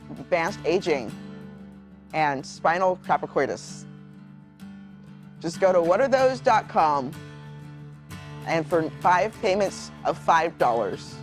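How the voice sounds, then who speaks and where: A performer puts on a goofy infomercial salesman hawking shampoo for an aging rooster in slow, over-the-top patter. The pitch sits mid-range, and faint guitar music plays behind.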